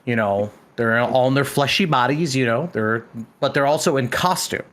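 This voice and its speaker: A man hosting a podcast, telling a long story in a rambling, animated way and swearing freely. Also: medium pitch, normal speed. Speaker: podcast host. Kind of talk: casual storytelling chat.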